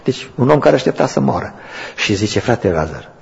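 A man preaching a sermon in a church, moving from a quiet testimony to loud, emphatic preaching. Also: mid-range voice, big pitch swings, vocal fry. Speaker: pastor. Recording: muffled, echoey church hall recording.

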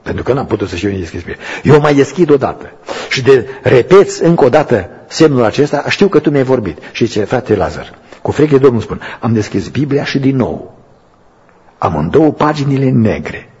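A man preaches in a church, his voice very husky and breathy. The sound is muffled and dull, with a long hall reverb trailing each line. He tells a story quietly, then rises into loud, emphatic preaching. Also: medium pitch, sing-song. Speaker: pastor. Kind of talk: sermon.

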